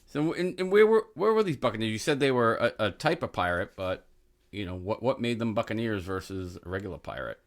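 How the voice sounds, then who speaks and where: A man's voice: lowish voice, lively intonation, fairly quick. A man hosting a podcast in casual chat, easygoing, asking his co-host questions. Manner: easygoing, asks questions, laid-back.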